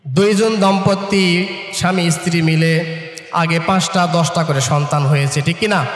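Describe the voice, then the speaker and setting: A man's voice: sits high, fairly bright tone. A middle-aged man preaching a fervent sermon with a Bangladeshi Bengali accent, asking his listeners rhetorical questions and chanting verses. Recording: echoey hall with faint music.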